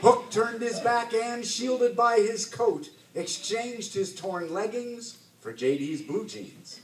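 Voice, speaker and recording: A man, an author, reading his story aloud to a bookstore audience with animated, dramatic narration. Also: high-pitched, slow pace. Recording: roomy, distant mic, faint hiss.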